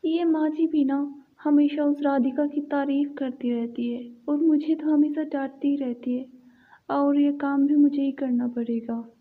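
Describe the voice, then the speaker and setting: A woman's voice: high voice, flat delivery, unhurried. A woman voicing a lazy, sulky young daughter-in-law in a cartoon story. She talks in a whiny, petulant way. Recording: thin phone-like sound.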